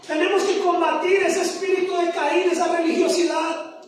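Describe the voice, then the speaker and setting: A man preaching a sermon as pastor, passionate, firing rhetorical questions and rising to shouts. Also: very high voice, flat delivery, moderate pace. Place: church sanctuary. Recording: very echoey church from a distance.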